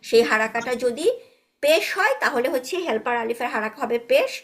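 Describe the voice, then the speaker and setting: A woman teaching a grammar class at a slightly higher pitch. She explains step by step and checks in with the class after each point, mixing English terms into her talk. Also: animated, brisk. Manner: patient, checks understanding with frequent tag questions; mixes English words into explanations.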